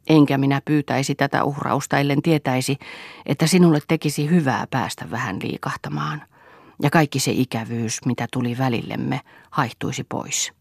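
A woman's voice: deep voice, creaky, darkish tone, dry recording, clean studio sound. A woman reading a letter from an affectionate younger sister, in a tender and pleading way.

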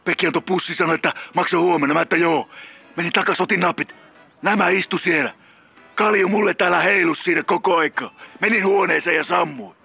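A man voicing a volatile middle-aged drug-using killer who calls a radio show, rambling and cursing, bursting into shouts. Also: sits high, vocal fry, breathy edge, faint music behind, voice pushed up, heavily acted. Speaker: caller.

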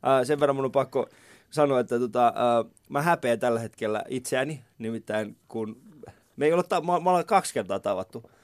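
A man's voice: mid-range voice, dry recording. A man hosting a casual morning radio chat show, telling stories about himself in a chatty, self-mocking way from a studio. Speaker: radio talk show host.

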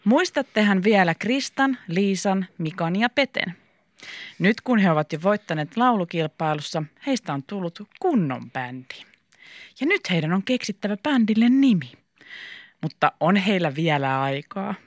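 Lively woman reading a children's story. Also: medium pitch, no room sound. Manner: lively, animated reading with laughs.

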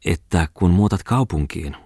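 Suspicious shoemaker from a male reader, whiny and hesitant, husky low voice. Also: expressive, dark tone, dry recording, studio quality, full character voice. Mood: doubting. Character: pale, suspicious village shoemaker man. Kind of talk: audiobook character reading.

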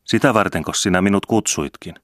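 A man's voice: low-pitched, a bit bright, dry recording, studio quality, pitched above the performer's own voice. A man voicing an anxious elderly peasant woman, the sister in a story reading, speaking eagerly and with worry. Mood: fretting.

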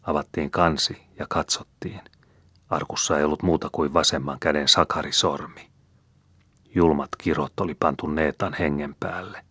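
A man reading folk tales aloud as an audiobook narrator, in a measured storytelling manner. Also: very deep voice, steady tone, a bit bright, breathy edge, no echo. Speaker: audiobook reader.

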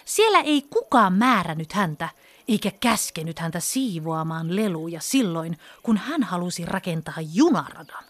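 A woman telling a children's fairy tale in an expressive, storybook way. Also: on the low side, no room sound. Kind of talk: children's bedtime story reading.

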